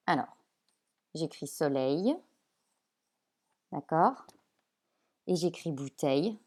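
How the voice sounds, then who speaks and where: Slow patient schoolteacher woman. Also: sits low, expressive, darkish tone. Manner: slow, patient, explains with many "d'accord?" checks. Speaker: teacher. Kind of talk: remote classroom lesson at a whiteboard.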